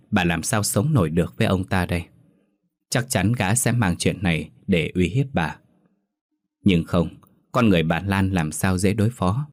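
A man narrating a scripted ghost story in a measured, dramatic manner. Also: deep voice.

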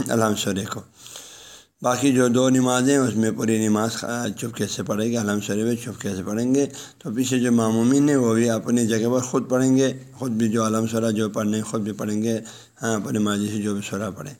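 A man's voice: mid-range voice, a little mellow. Man explaining a text line by line. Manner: speaks directly to listeners, telling them to pass the ruling on at home. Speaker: religious lecturer teaching a law book. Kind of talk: religious lesson, reading and explaining a text.

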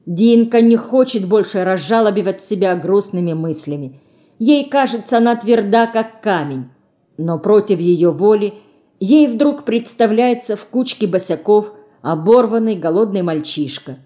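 Woman reading an audiobook, expressive and emotional, warm mellow tone. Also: medium pitch, a little slow. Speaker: audiobook reader. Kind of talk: scripted narration.

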